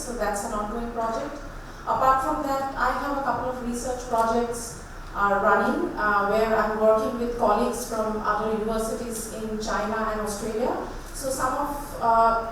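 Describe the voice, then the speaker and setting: A woman's voice: a little high, distant mic. A woman lecturer answering a question at an open house, hesitant, with many uhs and you knows. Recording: echoey hall, off-mic, with noise.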